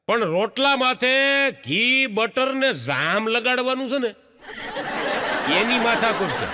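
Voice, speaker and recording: A man's voice: high-pitched, background noise. A man telling jokes on stage, acting out the people in his stories and often laughing. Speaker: stand-up comedian. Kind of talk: Gujarati folk stand-up joke telling.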